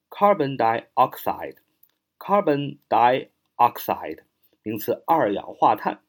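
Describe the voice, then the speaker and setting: A male teacher teaching vocabulary in an animated voice of middle pitch. He often drops into slow, careful spelling, letter by letter, and repeats each example sentence. His phrases often end with a drawn-out "啊". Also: husky. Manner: ends phrases with the filler "啊". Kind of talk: spoken vocabulary lesson.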